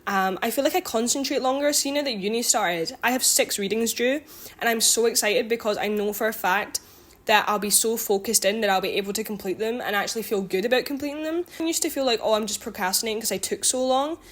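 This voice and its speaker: A woman's voice: fairly high pitch, brisk. A twenty-year-old woman chatting casually to her viewers, rambling with lots of ums and likes and correcting herself as she goes. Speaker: vlogger and student. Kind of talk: casual chatty catch-up vlog.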